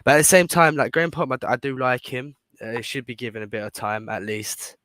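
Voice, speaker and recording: A man's voice: medium pitch, fairly even intonation, fast, fairly bright tone, dry recording. A British man giving his opinions as a guest on a casual football fan show.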